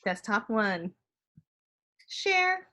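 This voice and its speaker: A woman's voice: fairly high pitch, sing-song, very slow, sharp tone. A woman talking casually with friends in a group video chat as one of the participants. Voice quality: smoker's cough. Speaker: participant in an online get-together. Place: indoors on a computer video call.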